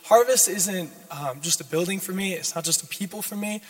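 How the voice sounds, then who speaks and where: A young man from Minnesota preaches with a hoarse, high-pitched voice. He is earnest and exhorting, keeping it informal as he checks in with the congregation. His words ring through a reverberant sanctuary. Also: a little fast. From United States, Minnesota. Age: young adult. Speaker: guest preacher. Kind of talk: sermon. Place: large church sanctuary, speaking to a congregation.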